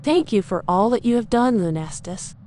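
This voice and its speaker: A gracious forest dryad voiced by a woman in a fantasy game. She speaks formally at a middling pitch, as an earnest guardian of the woods. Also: animated, normal speed, darkish tone, a little hiss or hum, natural voice. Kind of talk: scripted fantasy game dialogue.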